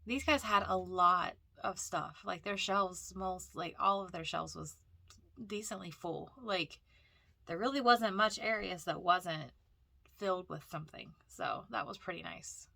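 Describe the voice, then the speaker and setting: Sounding stuffy and nasal from a cold, a woman casually narrates her stroll through a thrift store, rambling with lots of fillers and restarts. Her voice is fairly low, gravelly and sharp, a little slow, with no room sound.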